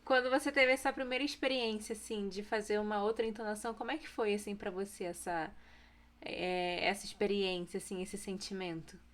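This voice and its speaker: A woman's voice: medium pitch, fairly even intonation, a little fast, fairly bright tone. Brazilian woman host asking questions, bit hesitant, midrange voice. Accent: Brazilian Portuguese. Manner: asks long, hesitant questions. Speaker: interviewer host. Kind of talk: interview questions.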